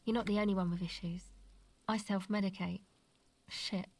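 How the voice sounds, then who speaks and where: A man putting on a soft sullen young woman. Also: high voice, steady tone, normal speed, no room sound, pitched above the performer's own voice. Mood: weary. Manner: soft, quiet and dismissive, then apologetic.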